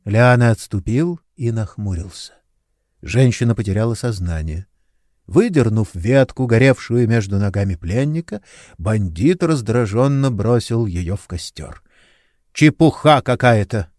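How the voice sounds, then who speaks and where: A male audiobook narrator reads a dark fantasy with dramatic expression. His pitch rides up and down in lively curves, recorded close and dry with no room sound. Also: a little slow, dry recording. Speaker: audiobook reader.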